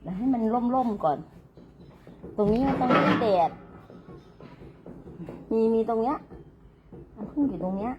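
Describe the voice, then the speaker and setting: A woman's voice: on the high side, measured pace, long pauses, muffled recording, music in the background. An older woman, a grandmother chatting playfully and coaxing her grandchild while cutting her hair, filmed at home. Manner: coaxing, playful, often laughing. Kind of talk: casual vlog chatter.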